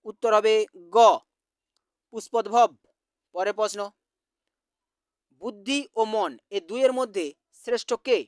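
A teacher from West Bengal slowly reading out exam quiz answers, repeating each question. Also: mid-range voice, no room sound, clean studio sound.

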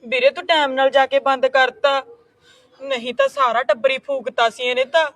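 A woman's voice: sits high, fairly even intonation, moderate pace, recorded from a distance, close to an everyday voice. A woman playing a younger sister who scolds her sister-in-law. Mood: reproachful.

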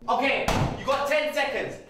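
A young actor playing a volatile, controlling, jealous boyfriend in a naturalistic short drama. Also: male voice, very high-pitched, steady tone, normal speed. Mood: enraged, threatening. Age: young adult. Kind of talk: naturalistic short-film acting. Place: stairwell and landing of a house. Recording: very echoey, distant, noisy indoor recording.

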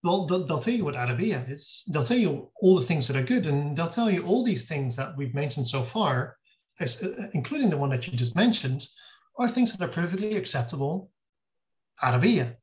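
Brief: man, guest scholar on a video call, higher-pitched voice, careful and explanatory, lo-fi sound. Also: sing-song, a little fast, darkish tone. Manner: thoughtful, explains at length with restarts. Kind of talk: explanatory interview answers. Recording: dull lo-fi audio.

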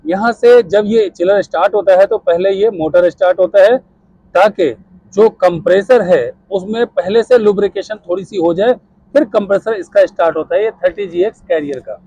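A man's voice: high voice, moderate pace, dark tone, husky, no room sound, highs cut off. A man in his thirties explains a screw chiller step by step outdoors on a rooftop, while a helper films on a phone. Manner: explains step by step, pointing at parts. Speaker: HVAC instructor. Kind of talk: hands-on technical explanation. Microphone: phone camera held by a helper.

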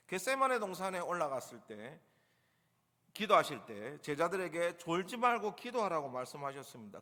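A man preaching a sermon as pastor in a church, dramatizing quoted lines with lively voices. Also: fairly high pitch, long reverb tail. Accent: Gyeongsang dialect in acted asides. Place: church sanctuary.

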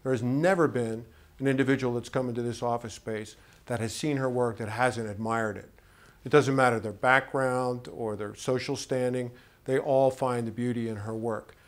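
A middle-aged man talks in an even, earnest way, full of admiration. He is recorded indoors in an office. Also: medium pitch, moderate pace. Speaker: art collector. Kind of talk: documentary interview.

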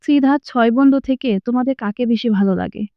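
A woman narrating a story in an even, soft-spoken reading voice, lightly voicing the characters. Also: fairly high pitch, brisk, dry recording, lo-fi sound. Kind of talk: audiobook narration.

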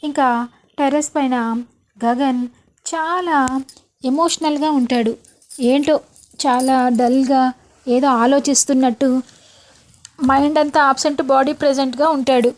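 A woman casually retelling a TV serial episode in a chatty, animated way, slipping into the characters' lines. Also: high-pitched, unhurried, pauses often. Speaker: storyteller.

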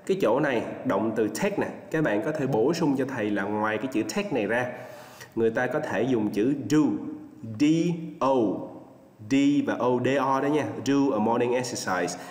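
A male teacher with a Vietnamese accent giving an online English lesson, drilling pronunciation and repeating words slowly for his students. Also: mid-range voice. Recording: echoey room with long reverb.

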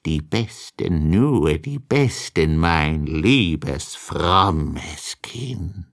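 A man voicing a cunning, mocking wolf in a fairy tale reading, speaking low and slow. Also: animated, exaggerated voice. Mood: sly.

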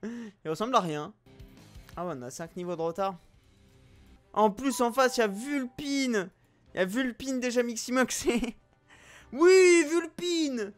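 Gaming host, man, excitable and jokey, loud outbursts, faint game music underneath. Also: very high voice, measured pace, pauses often. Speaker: gaming YouTuber. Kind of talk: excited gameplay commentary.

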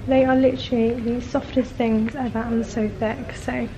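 A woman's voice: a little high, little pitch movement, normal speed. A woman in her twenties chatting enthusiastically to camera in a lifestyle vlog, full of likes and literallys. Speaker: lifestyle vlogger. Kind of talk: casual vlog chat to camera. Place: home and shops, indoors. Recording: roomy sound, distant mic, clear background noise.

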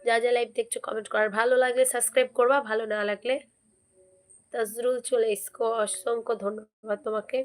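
A hoarse woman hosting a casual live stream, chatting and repeatedly urging viewers to comment and subscribe. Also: fairly high pitch, flat delivery, fast.

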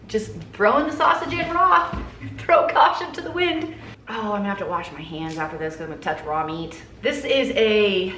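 A woman's voice: mid-range voice, a bit bright. A woman in her thirties talking casually and cheerfully while she cooks in her home kitchen, with joking asides. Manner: chatty, upbeat, self-joking asides. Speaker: cooking vlogger. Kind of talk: casual kitchen vlog talk. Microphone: camera on counter at mid distance. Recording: echoey kitchen with faint noise.

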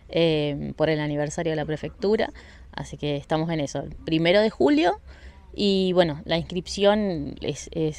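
Speaking into a handheld mic the interviewer holds, an Argentine woman who organizes events chats in a friendly, leisurely street interview on a riverside beach, with frequent fillers, restarts, and repeated words. Her voice sits low and has a darkish tone.

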